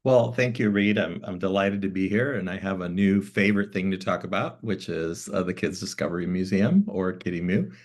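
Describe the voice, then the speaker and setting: This middle-aged Cuban-born man from Florida is a guest at a community talk, serving as interim museum director. His deep, darkish voice moves fairly quickly with few pauses as he explains at length, using frequent fillers.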